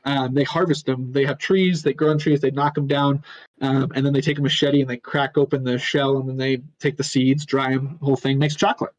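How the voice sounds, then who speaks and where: A young man on a podcast telling a long casual story, rambling and halting and chuckling often. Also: mid-range voice, little pitch movement, no echo, low-quality recording. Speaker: podcast co-host.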